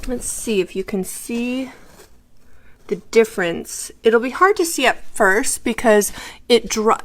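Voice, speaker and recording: A woman teaching a live craft tutorial, explaining each step and checking in with the viewers. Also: fairly high pitch. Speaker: craft instructor.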